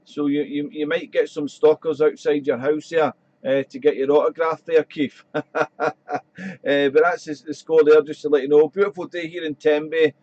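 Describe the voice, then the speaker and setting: Echoey, higher-pitched man on ham radio. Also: fairly even intonation, moderate pace, a little mellow. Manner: repeats call signs, informal and chatty. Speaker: amateur radio operator live streaming. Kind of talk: casual ham radio chat and call-sign calling. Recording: dull, roomy streamed audio.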